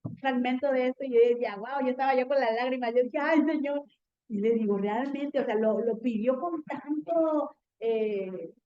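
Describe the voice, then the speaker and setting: High-voiced woman teaching a Bible class. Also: moderate pace, lo-fi sound. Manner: earnest, often checks in with students asking "¿sí?".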